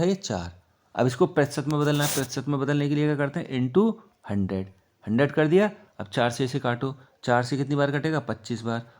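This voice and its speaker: Man, maths teacher, patient step-by-step explaining, asks and answers himself, mid-pitched voice. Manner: explains slowly, asks and answers his own questions.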